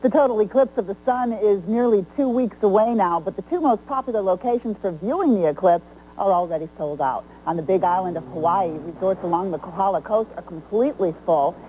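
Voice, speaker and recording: American female travel news host, soft mellow tone, slight noise behind. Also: medium pitch, animated, fairly quick, poor audio. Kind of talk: scripted broadcast news reading.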